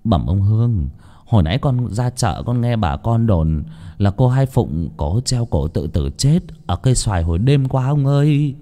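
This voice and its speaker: Man doing a humble servant, deferential, low mellow tone, audio story. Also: animated, normal speed, natural voice. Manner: deferential, reporting. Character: humble servant reporting news to his landlord master.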